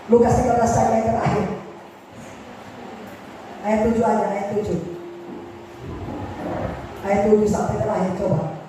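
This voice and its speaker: A woman pastor preaching a sermon with passion, swinging from soft pleading to shouted warnings. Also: mid-range voice, fairly even intonation, measured pace, long pauses. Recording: echoey hall, mic far off, noisy.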